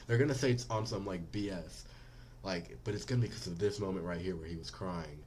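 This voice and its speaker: A young man with a very low voice talks quickly through casual reaction commentary. He is blunt and mocking and swears freely. A faint hiss sits under his voice. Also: a little mellow.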